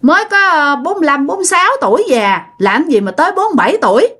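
A woman's voice: high voice, sing-song, very fast, fairly bright tone, voice pushed up. A woman voicing an older grandmother who questions and doubts, speaking curtly. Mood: skeptical.

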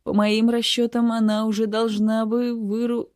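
A woman's voice: on the high side, moderate pace, no echo, studio quality, lightly acted. A woman reading the part of a cold, mocking middle-aged male doctor in an audiobook. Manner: calm, mocking.

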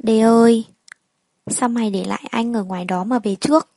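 A woman voicing a grieving wealthy mother, husky and dry. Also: medium pitch, fast, darkish tone, no echo. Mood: bitter.

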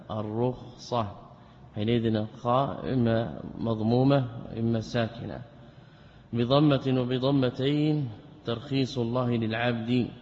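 A man, a religious scholar, gives a classroom lecture on legal theory. He explains in a measured way, poses rhetorical questions, and slowly repeats key phrases. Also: medium pitch, darkish tone. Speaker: Islamic scholar teaching a text. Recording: reverberant hall, dull lo-fi sound, faint hiss.

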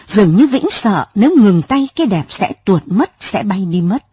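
Female narrator, lyrical late-night story reading, lively pitch, warm husky tone. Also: dry recording. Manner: soft, lyrical, unhurried reading.

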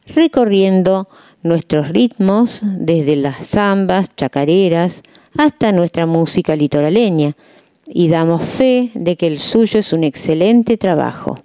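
A woman's voice: on the low side, animated, slow pace, warm tone, dry recording, studio quality. A woman with an Argentine accent hosting a radio interview, introducing her guest. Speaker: radio host.

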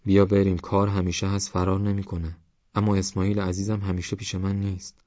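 A man's voice: low-pitched, flat delivery, a little mellow, no room sound, highs cut off, close to an everyday voice. A man voicing a caring, protective old village grandmother in an audiobook, talking in a fussing, cautioning way. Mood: tender.

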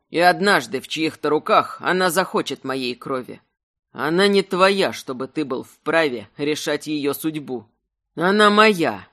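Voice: medium pitch, a bit bright. A narrator voicing a fierce, bitter young werewolf man who snarls and mocks. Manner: snarling, mocking. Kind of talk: audiobook character voice.

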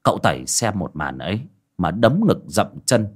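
A man narrating an audio ghost story in a dramatic, lively storytelling manner. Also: deep voice, normal speed.

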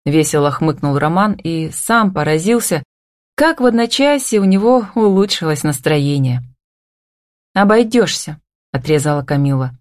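A woman's voice: moderate pace, dry recording, studio quality. A woman narrating a romance novel audiobook, acting out the dialogue expressively. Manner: expressive, lifts pitch for female dialogue. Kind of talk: audiobook narration with character voices.

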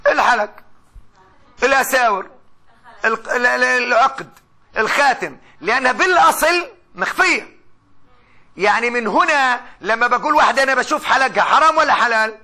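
A man's voice: extremely high pitch, lively intonation, a little fast, long pauses, bright, forceful tone. A middle-aged man with a Palestinian Arabic accent giving a university lecture, chatty, putting questions to his students and answering them himself. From Gaza, Palestine.

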